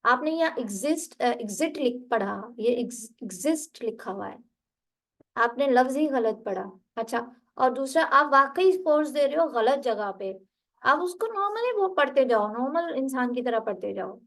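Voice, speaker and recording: A woman's voice: sits high, animated, normal speed, a bit bright, poor audio. A woman tutoring a student one-on-one for a spoken English test, patiently correcting word stress and reading. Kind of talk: online tutoring session.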